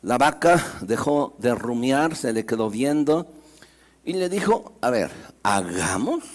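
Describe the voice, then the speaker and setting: A male pastor telling a fable in a sermon with animated storytelling. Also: mid-range voice, slow.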